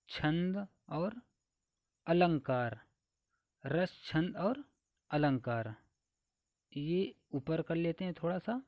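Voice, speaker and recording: A man's voice: on the high side, a little mellow, no room sound. Man teaching an exam-prep grammar lesson. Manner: repetitive, walks through a numbered list, asks and answers own questions.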